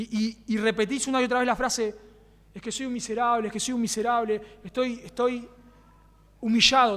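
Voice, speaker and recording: High-voiced Rioplatense pastor in reverberant hall. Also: male voice, fairly bright tone. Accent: Rioplatense Spanish. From Argentina. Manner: earnest, repeats key phrases for emphasis; asks the congregation rhetorical questions. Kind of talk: sermon. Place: church.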